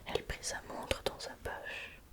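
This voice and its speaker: A woman reading a bedtime story in a hushed, soothing ASMR whisper, quiet as at night, gently addressing the listener as if a child. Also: unhurried.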